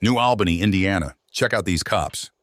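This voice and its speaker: Deep-voiced man narrating, dry and close. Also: normal speed, no room sound. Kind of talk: scripted true-crime clip narration. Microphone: close dry voice-over mic.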